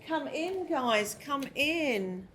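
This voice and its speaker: A woman's voice: high-pitched, expressive, drawn-out words, a bit bright, slight background noise. A woman hosting a casual interview, chatty and easily distracted, laughing often. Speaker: host. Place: busy restaurant. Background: restaurant crowd chatter.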